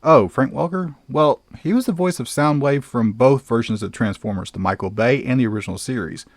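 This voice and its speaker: A man's voice: medium pitch, fairly quick, dry recording. A man hosting a comedic film review, exclamatory and sarcastic as he narrates.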